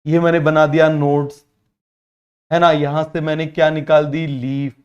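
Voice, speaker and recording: A male teacher giving an online biology lesson in Hindi-English mix, repeating key terms and urging students to answer quickly. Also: on the high side, level tone, a little mellow, lo-fi sound. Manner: repetitive, keeps asking students to answer quickly; drills terms by repeating them slowly.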